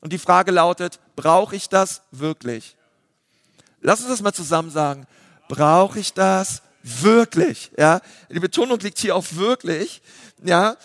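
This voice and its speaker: A man, a pastor giving a lively sermon full of fillers. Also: sits high, a little slow, dry recording, studio quality, in a large hall. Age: 30s. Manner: lively preaching with filler words.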